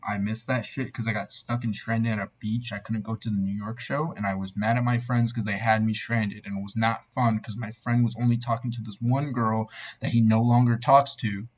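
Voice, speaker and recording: A young man with a husky voice talks through music like an amateur reviewer. He sounds tipsy, loose and meandering, with a casual, off-the-cuff delivery at an ordinary male pitch. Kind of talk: casual rambling album reaction.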